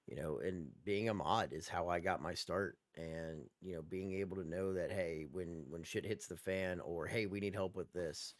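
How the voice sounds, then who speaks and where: A man's voice: low voice, no room sound. A man co-hosting a casual podcast, telling stories enthusiastically. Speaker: podcast co-host.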